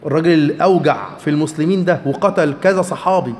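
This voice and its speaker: A man with an Egyptian Arabic accent giving an emphatic, animated religious lesson, often acting out what others say. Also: a little high, racing. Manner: emphatic, animated, acts out quoted speech. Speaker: religious teacher. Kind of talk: lecture on hadith. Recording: reverberant hall.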